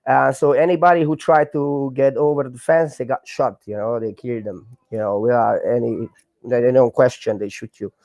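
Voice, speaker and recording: A man in his forties from Hungary with a Hungarian accent, telling his story in a casual interview with many fillers and halting non-native grammar. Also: mid-range voice, fairly even intonation, vocal fry, darkish tone, no room sound. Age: 40s. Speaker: guest, breakdancer.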